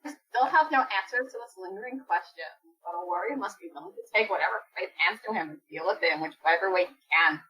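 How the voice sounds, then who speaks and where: A woman reading the lines of a grieving, stubborn warrior in a solemn, self-reproaching way, with a husky voice. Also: mid-range voice, fast, pushed and bright, rough recording. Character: grieving, stubborn warrior mourning a fallen comrade. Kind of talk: melodramatic comic reading.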